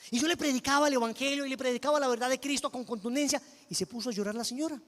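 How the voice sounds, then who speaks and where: In a large hall, a man with a very high voice races through a sermon and personal testimony. He is emphatic, swinging between loud declaiming and hushed storytelling.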